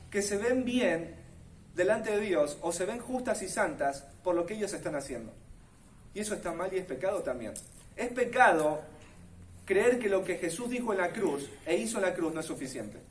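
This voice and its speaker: A man's voice: high-pitched, echoey room, distant mic, slight background noise. A man with a Rioplatense Spanish accent preaching a sermon as pastor, earnestly putting questions straight to his listeners. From Argentina.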